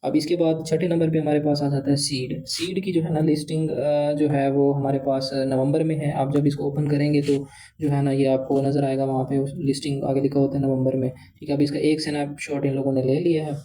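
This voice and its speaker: A man's voice: a little high, level tone, a little fast, warm tone, low-quality recording. A man casually walks viewers through an app, rambling and leaning on filler phrases. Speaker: crypto channel host. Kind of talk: casual explainer walkthrough.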